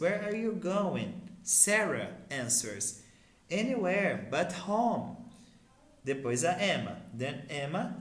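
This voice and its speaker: Brazilian male English teacher, measured delivery, slightly raised pitch, roomy echo. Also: a bit bright. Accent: Brazilian Portuguese. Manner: slow, patient explaining with modeled English phrases. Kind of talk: recorded English lesson.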